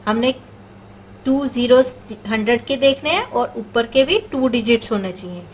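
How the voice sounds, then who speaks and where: Patiently working through each step, a woman explains math in classroom fashion, posing questions and answering them herself while number words run through her speech. She speaks at a moderate pace in a fairly high voice with lively intonation. The low-quality recording carries slight background noise.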